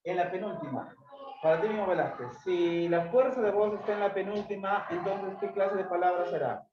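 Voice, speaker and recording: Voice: medium pitch, normal speed. Strict teacher quizzing a class. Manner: questioning pupils, strict. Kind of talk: classroom lesson. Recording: roomy dull recording, clear background noise.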